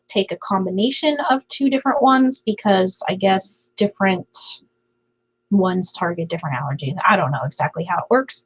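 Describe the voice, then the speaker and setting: A chatty woman hosts a livestream from home, casually reading viewer comments and laughing often, with lots of fillers. Her medium-pitched voice has a breathy edge and sounds scratchy and half gone, and the audio is a bit lo-fi.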